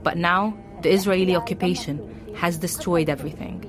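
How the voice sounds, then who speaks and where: A woman reading a translated first-person account as a voice-over, calmly and plainly. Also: on the low side, brisk, over music.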